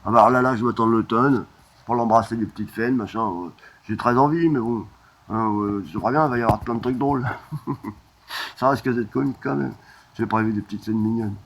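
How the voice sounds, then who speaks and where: A man's voice: medium pitch, brisk, slight background noise. A man talking in a rambling, disjointed monologue, crude and full of "hein" fillers, drifting from topic to topic.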